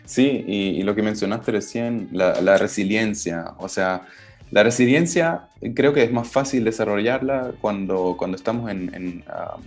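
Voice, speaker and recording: Deep-voiced German man, Spanish second tongue. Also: unhurried, soft background music. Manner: thoughtful, hesitant with fillers. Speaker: podcast guest. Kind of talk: casual conversation.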